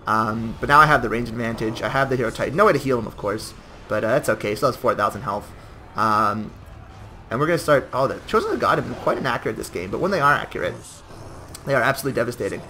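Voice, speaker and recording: A man's voice: mid-range voice, lively intonation, quick pace, sharp tone, slight background noise. A young man giving casual, rambling commentary over a strategy game battle, with jokey self-mocking asides. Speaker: gameplay commentator.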